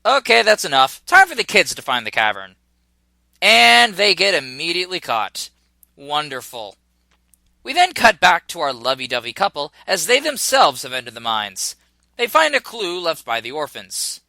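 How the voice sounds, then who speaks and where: Bright, high-pitched sarcastic male reviewer. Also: sing-song, normal speed, creaky, no room sound. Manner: sarcastic, exasperated. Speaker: video game reviewer. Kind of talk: scripted comedic review narration.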